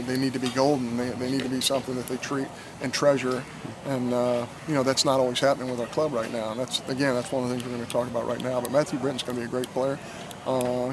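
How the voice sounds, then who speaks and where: A man's voice: mid-range voice, noisy background. A middle-aged man, a head baseball coach, gives an earnest postgame interview at a stadium at night, often repeating words as he restarts.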